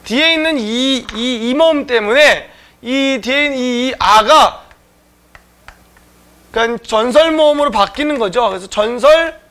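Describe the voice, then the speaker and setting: A man's voice: very high-pitched, a little slow, pushed and bright. A man teaching an online exam-prep lecture, explaining answers to viewers with frequent filler sounds.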